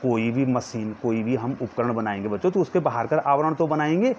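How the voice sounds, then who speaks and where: A man teaching a physics lesson to students, slowly dictating notes and pointing at a diagram as he explains. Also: mid-range voice, a little mellow. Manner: calls students "children" in nearly every line, repeats words slowly for dictation. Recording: dull lo-fi sound with faint background noise.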